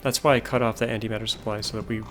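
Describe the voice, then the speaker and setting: A gameplay host with a lowish, somewhat bright voice rattles off flat, rapid-fire let's-play commentary against soft background music. He casually considers his production lines in a factory-building game and mentions his voice is going.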